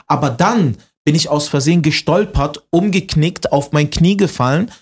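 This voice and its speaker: A man's voice: a little high, normal speed, breathy edge. Chatty man telling stories. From Germany. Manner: animated, laughing storyteller. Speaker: comedian guest. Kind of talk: casual interview chat.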